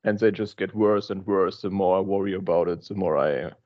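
Lower-voiced man heard over a dull, lo-fi call line, hesitant and halting, a class participant. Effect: voice over a breaking-up online call line. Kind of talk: casual question in a group call.

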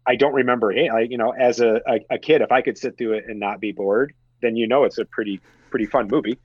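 A talkative man on a podcast who chats about films in a loose, animated way, laughing often. His voice sits in a middle register. The recording is dull and dry, with no room sound. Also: medium pitch, fast, husky, dry recording. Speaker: podcast guest. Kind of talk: casual film chat.

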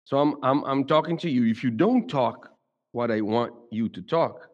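Speaking to a congregation, a middle-aged man from Brazil delivers a reflective talk in a Brazilian Portuguese accent, frequently stumbling through restarts and repeated words. His voice is mid-range at a normal pace, and the audio sounds dull with long hall reverb.

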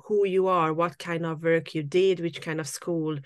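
A woman's voice: fairly low pitch, level tone, normal speed, no echo. A woman hosts a casual interview with an eager, friendly manner. She speaks non-native English and often restarts her sentences. Her voice is recorded dry and close. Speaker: podcast host.

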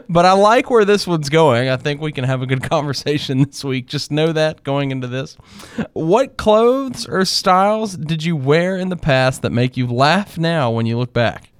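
A man's voice: fairly high pitch, no room sound. A man hosting a podcast in a casual, jokey, chatty way. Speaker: podcast host. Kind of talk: casual interview chat.

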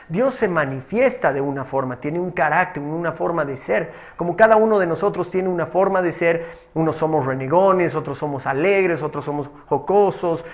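A man preaches in a fairly high voice. He tells a parable with quoted dialogue, then builds his exhortation on repeated phrases. His delivery is a steady pulpit sermon.

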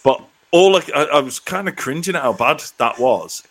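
A man's voice: on the high side, lively intonation, moderate pace, a bit bright, slight background noise. A middle-aged man co-hosting a podcast in casual chat, sweary and self-deprecating. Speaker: podcast co-host.

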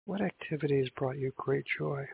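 A man leading a guided meditation in a slow, soothing sleep story narrator manner, with long pauses between gentle instructions. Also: mid-range voice, gravelly, slight background noise. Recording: muffled, phone-like narrow sound.

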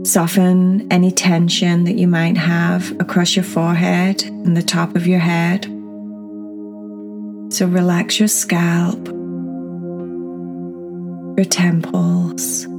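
Woman doing guided meditation, really slow soft breathy soothing voice, new age music behind her. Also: fairly low pitch, completely flat delivery. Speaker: meditation guide and podcast host.

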